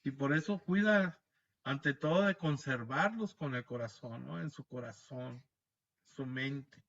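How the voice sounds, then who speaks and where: Bright-voiced man teaching a Bible class. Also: medium pitch, lively intonation, measured pace. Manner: explanatory, frequent tag questions, restarts words. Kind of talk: Bible class lesson over a video call. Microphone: video call. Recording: lo-fi video call audio.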